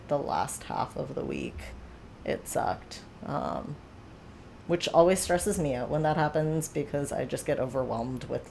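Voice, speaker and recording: Seated at home, a woman hosts a livestream in an extremely low, creaky voice, with slight background noise. She chats casually with viewers, rambling and self-aware, her talk full of fillers and asides.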